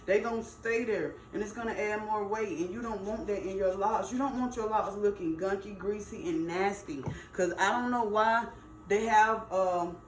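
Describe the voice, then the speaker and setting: A middle-aged natural hair stylist with an average-pitched voice gives casual, chatty advice to the camera. She's emphatic and folksy, looping back to drive her points home. Her voice echoes in the room over faint background noise.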